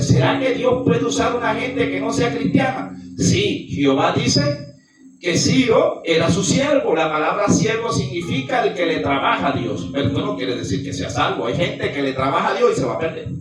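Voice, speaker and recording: A man preaching with force, throwing questions at his congregation. His voice sits high and comes from a distance. A strong echo fills the room while guitar plays underneath. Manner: emphatic, asks the listeners questions. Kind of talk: sermon with congregation exchange. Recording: echoey room, far from the mic, music behind.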